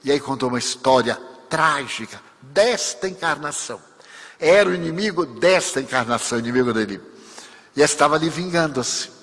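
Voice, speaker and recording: Casting: older male lecturer, husky, vivid storyteller, long hall reverb. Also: a little high, lively intonation, normal speed, fairly bright tone. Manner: vivid storyteller acting out dialogue. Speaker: spiritist speaker.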